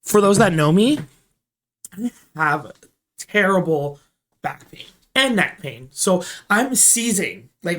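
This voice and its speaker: A mid-pitched storyteller recounting a shift as a store manager. The delivery rambles with restarts and keeps lurching from loud, emphatic bursts down to low murmurs. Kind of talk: storytime vlog.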